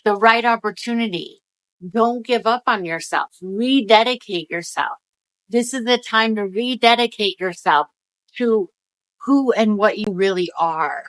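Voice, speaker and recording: A woman's voice: mid-range voice, unhurried, rough recording. A woman giving a casual, encouraging, emphatic motivational talk to viewers, speaking out of the side of a mouth numb from the dentist. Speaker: spiritual energy-reading video host.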